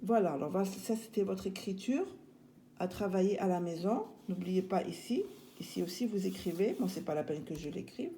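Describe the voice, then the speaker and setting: With a little hiss or hum in the recording, a woman teacher uses her medium-pitched, animated, mellow voice to lead young children step by step through writing a letter. Her handwriting lesson is slow and patient.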